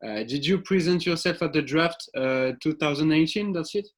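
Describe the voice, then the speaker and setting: Higher-voiced man asking halting questions. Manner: halting, with many "uh" fillers. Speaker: interviewer. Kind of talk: interview questions.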